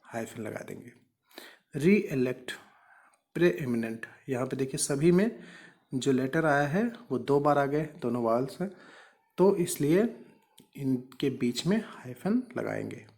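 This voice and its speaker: A man's voice: mid-range voice, lively intonation, measured pace, creaky, a little mellow. A man teaching English punctuation, patiently repeating each rule and asking rhetorical questions. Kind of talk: explaining grammar lesson.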